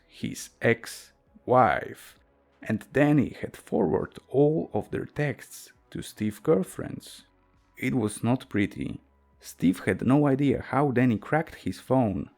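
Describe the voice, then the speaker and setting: A man's voice: medium pitch, gravelly, a little mellow. A man reading a horror story aloud as a narrator, with a dry, wry storytelling delivery.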